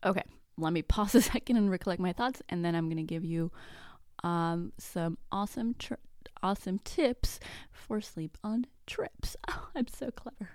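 A Mexican woman in her thirties whose first language is Spanish hosts a casual solo podcast, chatty and self-deprecating with jokey asides. Her voice is lowish and darkish at normal speed, recorded with studio quality and no room sound.

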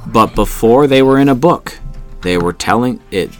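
A middle-aged man hosting a children's story show, speaking to young listeners in an unhurried, guiding bedtime-storytelling way. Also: medium pitch, expressive, faint music behind.

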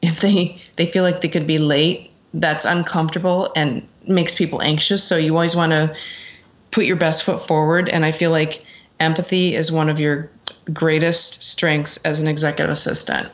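The dull, lo-fi recording carries the low voice of a middle-aged American woman who works as an executive assistant. As an interview guest she replies conversationally, earnest and reflective, with a flat delivery at a normal speed.

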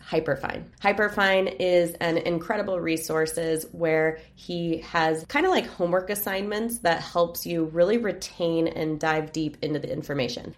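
An upbeat woman hosts a casual podcast interview, her voice sitting a little low for a woman. She talks in quick, chatty bursts. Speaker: podcast host.

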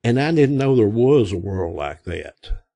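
Speaking in a lowish, mellow voice with lively intonation, this sixty-something man from Arkansas takes his time. He's an interview guest spinning casual, rambling folksy tales in an Arkansas accent, imitating the voices of those he quotes.

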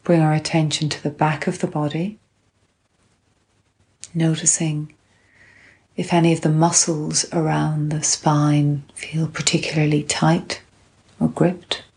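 A woman instructor calmly and gently guiding a grounding exercise, unhurried, with long pauses between phrases. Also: low-pitched. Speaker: guided relaxation instructor. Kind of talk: calm guided grounding exercise.

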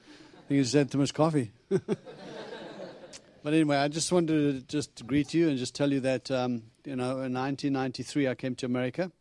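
A visiting preacher speaks at a church: a middle-aged South African man with a Texan accent whose chatty, humorous sermon includes acted-out conversations with God. His mid-range voice has a darkish tone and a flat delivery, and he speaks fairly quickly.

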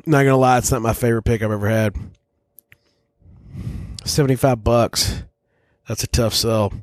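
A man's voice: medium pitch, fairly even intonation, moderate pace, no echo, studio quality. A man hosting a casual whiskey tasting, talking bluntly and rambling, with frequent swearing. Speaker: whiskey reviewer host.

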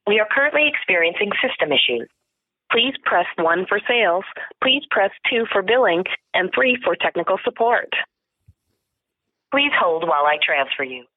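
A woman reading scripted phone menu announcements in a measured, formal manner, recorded over a telephone line. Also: mid-range voice, slightly rough. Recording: tinny, narrow telephone line.

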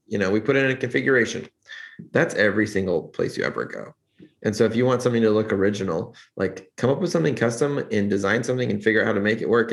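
A man talking earnestly in a casual interview, rambling with many restarts as a church lighting director. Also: on the low side.

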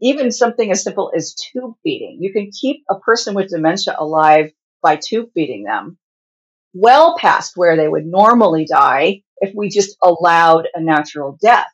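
Husky woman, plain spoken nurse explaining stuff in an interview, bit lo-fi sound. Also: fairly low pitch, animated, moderate pace. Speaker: hospice nurse guest. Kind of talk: conversational interview answers.

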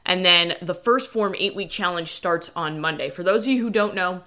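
Bright, forceful woman podcast host. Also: lowish voice, normal speed. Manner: informal, lightly sweary, addresses listeners as guys. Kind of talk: casual motivational solo podcast talk. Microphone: dedicated podcast microphone.

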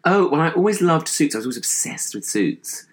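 A man in his thirties from England with a posh voice, talking in a deadpan, self-deprecating way as a guest in a casual interview. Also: on the high side, a little fast, slightly rough.

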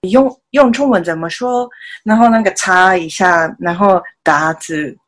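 A woman, a native Japanese speaker with a Japanese accent in Mandarin, chatting casually as an interview guest in halting, simple phrases with repeated words. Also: lowish voice. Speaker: podcast guest, self-taught Mandarin learner.

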